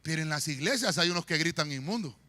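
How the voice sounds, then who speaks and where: A pastor preaching a sermon in a church, swinging between shouts and quiet murmurs. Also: male voice, on the high side, fast. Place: church sanctuary. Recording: long church hall reverb.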